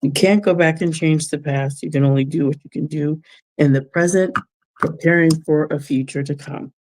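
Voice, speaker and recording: A woman chatting casually on a livestream while doing a craft, giving gentle, reflective advice and chuckling often. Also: sits low, steady tone, normal speed. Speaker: vlogger giving life advice.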